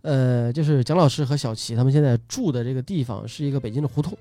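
A man's voice: mid-range voice, quick pace, dark tone. A man hosting a casual chat and introducing his guests in a talkative way, often repeating short phrases. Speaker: host, video uploader and magician.

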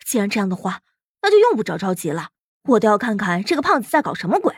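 A woman's voice: mid-range voice, big pitch swings, breathy edge, dry recording, studio quality. A woman voicing a cool-headed young fighter. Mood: musing. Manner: cool, measured inner musing. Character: calm, sharp-witted young woman fighter. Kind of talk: audiobook character reading.

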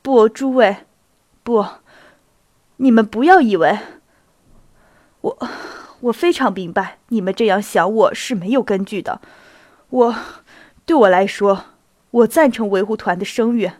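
A woman reading a proud young count who speaks in a halting, pleading way. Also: mid-range voice, expressive, darkish tone, dry recording.

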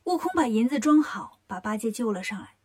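A woman narrating a children's story in a lively, expressive way. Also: a little high, brisk, slightly rough.

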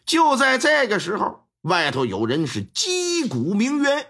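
Male storyteller, husky, very animated delivery, colloquial and wry. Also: sits high, measured pace. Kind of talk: pingshu-style storytelling.

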